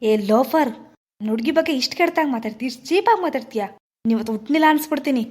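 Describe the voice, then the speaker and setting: A woman's voice: high-pitched, rapid-fire, slightly rough. [name], a woman playing a fiery lover. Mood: angry. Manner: forceful threats, gentle reassurance. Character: young village labourer man, protective, hot-tempered lover.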